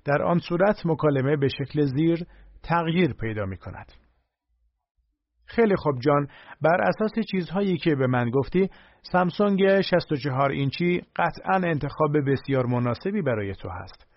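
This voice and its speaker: A man narrates a nonfiction book in a measured, even read, his voice sitting a little high. The recording is dry with no room sound and slightly dull in tone. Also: no room sound. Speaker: audiobook narrator.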